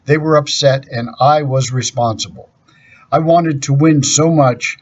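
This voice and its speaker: A man reading a children's story aloud in a steady, plain manner, narrating in the first person. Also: medium pitch, unhurried. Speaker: storybook reader. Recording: dull lo-fi recording.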